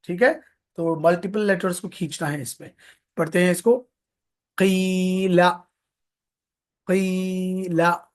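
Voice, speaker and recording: A man's voice: high-pitched, lively intonation, moderate pace. A man teaching Quran recitation in a live online class, repeating each word several times and stretching out the long vowels, with English teaching terms mixed into his speech. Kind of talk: slow drilled tajweed lesson.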